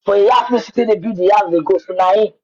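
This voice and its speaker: A woman's voice: mid-range voice, fast talker, a little mellow, slightly rough, muffled recording. A woman with a Nigerian accent tells her own story in Nigerian Pidgin, repeating words for emphasis. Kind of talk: personal account in conversation.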